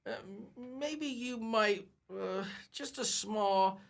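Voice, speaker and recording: In a 1940s-style radio play, a young adult man plays a bashful, timid store clerk, stammering and repeating his words nervously. His high-pitched, gravelly voice is heavily acted, with drawn-out words.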